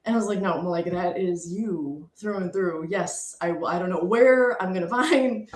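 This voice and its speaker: A middle-aged woman telling a heartfelt personal story, with pauses as she fights back tears. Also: lowish voice, roomy sound, rough recording. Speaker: speaker sharing a personal story.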